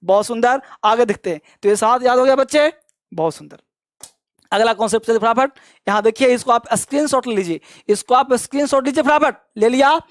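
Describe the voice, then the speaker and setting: A man teaching an English lesson, drilling word lists at a brisk clip and calling his students kids. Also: extremely high pitch, no echo, clean studio sound. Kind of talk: spoken grammar lesson.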